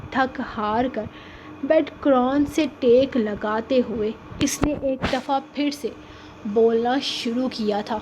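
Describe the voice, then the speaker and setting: A woman's voice: fairly high pitch, background noise. A woman narrating a romance novel in an audiobook reading, telling the story with drama.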